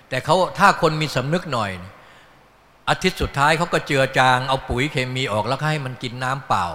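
A man's voice: mid-range voice, a bit bright. A man teaching a Buddhist dharma talk in a folksy storytelling manner, acting out little voices as he goes. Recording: long hall reverb.

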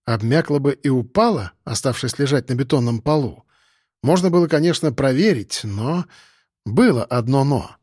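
A man's voice: medium pitch, lively intonation, normal speed, darkish tone, slightly rough, dry recording, clean studio sound. A man reading a first-person audiobook in a musing, conversational way. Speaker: narrator. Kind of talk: audiobook narration.

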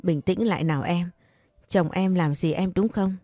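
A woman's voice: fairly low pitch, normal speed, warm tone, dry recording, faint music behind. A woman voicing a caring but pushy young man who scolds and coaxes a crying friend. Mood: scolding. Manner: scolding yet tender, coaxing. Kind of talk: audiobook character reading.

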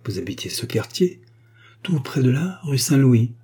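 A man voicing a gentle, grateful poor young girl, speaking softly and earnestly in a slightly raised voice. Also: mid-range voice, very animated, moderate pace, slightly rough. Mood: joyful. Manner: soft, earnest and tender.

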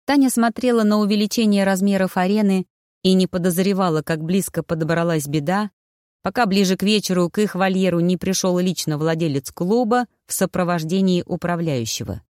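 Steady audiobook narrator, dry sound. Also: mid-range voice, a little fast, dry recording. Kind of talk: scripted narration.

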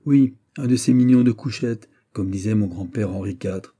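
A man's voice: fairly low pitch, moderate pace, dark tone, breathy edge. A man voicing a jealous, indignant young French prince in an audiobook, heated and insistent. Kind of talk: audiobook character voice.

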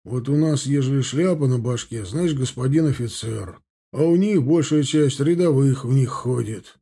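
A man voicing a gruff, grumbling soldier in an audiobook, muttering wry complaints. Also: mid-range voice, normal speed, mellow.

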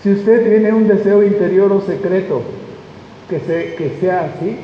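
A pastor preaching a sermon with emphatic rhetorical questions and tag questions. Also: male voice, a little high, slight background noise. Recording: dull echoey hall recording.

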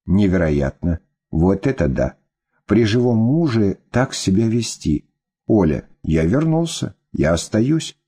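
A man's voice: fairly low pitch, very animated, slow pace, mellow, slightly rough, exaggerated voice. A man doing a whiny, self-pitying ex-husband. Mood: pleading. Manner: pleading, whining.

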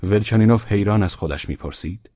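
A man narrating a novel as an audiobook, reading in a steady, measured way, in a dull lo-fi recording. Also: sits low, slightly rough, dry recording.

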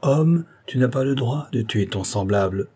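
A man reading a grave, melancholy gentleman. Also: mid-range voice, lively intonation, slightly rough. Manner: measured, grave, gently reasoning.

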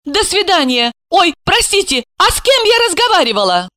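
A woman voicing a naive, excitable young housewife in an audiobook, with childlike delight. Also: very high voice, normal speed, no echo, studio quality, pitched above the performer's own voice, exaggerated voice. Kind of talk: audiobook character reading.

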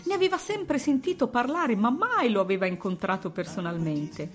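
A woman narrating a children's story in an expressive, melodic storytelling voice. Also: fairly high pitch, normal speed, soft background music. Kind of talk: storybook audiobook reading.

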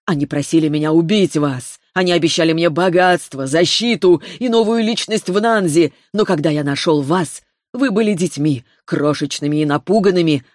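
A woman's voice: deep voice, darkish tone, no echo, studio quality. A woman voicing a grown male mercenary who pleads desperately in a trembling, wheezing voice. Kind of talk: audiobook character voice.

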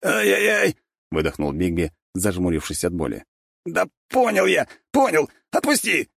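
A man's voice: a little high, lively intonation, moderate pace, gravelly, slightly rough, no echo, studio quality, voice pushed up, full character voice. Man doing a brash growling wolf thug. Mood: pained. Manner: swaggering, growling threats. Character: brash thuggish young wolf man, arrogant bully.

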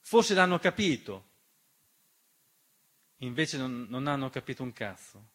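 A piano accompanies this stage monologist as he addresses the listener in a fiery, rhetorical political monologue delivered theatrically. His medium-pitched voice is very animated and fairly bright, though a little slow.

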